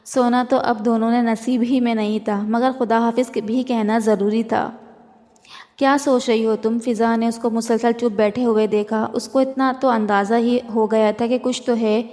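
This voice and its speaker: A woman reading a romance novel aloud in a steady, even manner. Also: fairly high pitch, few pauses. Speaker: novel reader. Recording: long hall reverb.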